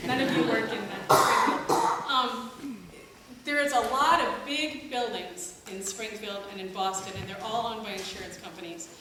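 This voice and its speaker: A middle-aged American family doctor, here in the role of activist, delivers an exasperated and sarcastic live speech in a mid-range voice at a moderate pace. The setting is a concert event in a church, and the recording is distant, noisy and full of hall echo.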